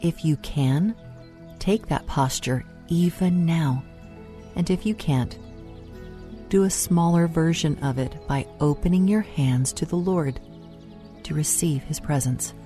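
A woman with a low, mellow voice leads a guided meditation over music. Her delivery is soft and unhurried, with room left between phrases for breathing and prayer. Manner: soft, soothing, unhurried delivery with long pauses. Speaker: meditation host.

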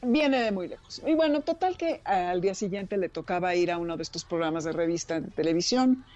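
A woman's voice: on the low side, fairly quick, muffled recording. A woman with a Mexican Spanish accent, a radio broadcaster telling anecdotes in casual chat and acting out the people in them. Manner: animated storyteller who acts out quoted voices.

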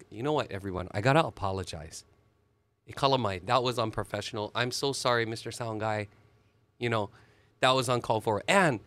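A man, a musician telling stories in an animated, expressive way during an interview. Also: medium pitch, no echo. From Hawaii. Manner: animated, expressive storyteller with sudden laughs. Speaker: musician guest. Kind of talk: casual storytelling interview.

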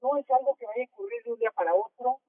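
A man's voice: very high-pitched, very animated, racing, no echo. A man with a Mexican accent, a newspaper editor, explaining carefully in a phone interview. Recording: tinny phone line.

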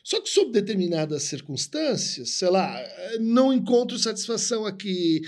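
A man's voice: high-pitched, very animated, normal speed. A man, co-hosting a conversation and explaining concepts in a lecturing way, often tagging sentences with a questioning "right?". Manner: lecturing, frequent "né?" tags.

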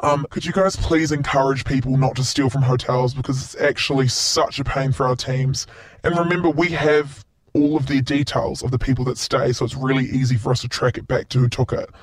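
A disguised, electronically altered voice that sounds like a man of middle pitch, belonging to an anonymous hotel worker. The recording is dry and close, with no room sound. They list things in a plain, matter-of-fact way. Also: fairly even intonation, fairly quick, dry recording. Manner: matter-of-fact listing with fillers. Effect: voice electronically altered to disguise identity.

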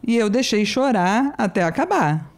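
A woman's voice: a little high, expressive, moderate pace. A woman hosting a casual conversation, chatty and telling a personal story about her young son.

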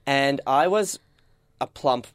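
A man's voice: medium pitch, animated, slow pace, clean tone, no echo. A young man, co-hosting a podcast with teasing, dry banter. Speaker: podcast co-host. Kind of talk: casual chat.

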